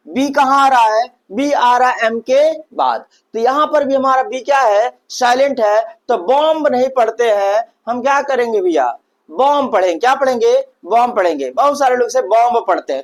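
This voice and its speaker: A man teaching an online lesson, who repeats each point and asks and answers his own questions. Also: very high-pitched. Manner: repetitive, addresses listeners as brother. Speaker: English teacher.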